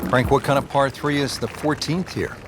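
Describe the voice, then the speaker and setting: A man acting as a lead TV golf commentator, calling the play in a measured, polished announcer delivery. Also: mid-range voice, fairly even intonation, close to an everyday voice. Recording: loud music and crowd behind. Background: music, crowd.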